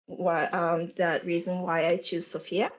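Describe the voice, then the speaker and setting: A young Japanese woman with a Japanese accent chats as a guest on a casual podcast, searching for her words as she talks. Her voice is on the low side, flat and a little slow, and the recording sounds dull and lo-fi.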